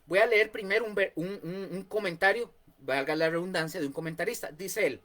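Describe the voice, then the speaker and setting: A man's voice: high voice, brisk, a bit bright. A Costa Rican man leads a Bible study. He explains each point patiently and comes back to key words again and again. He often stops on filler sounds. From Costa Rica. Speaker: Bible teacher.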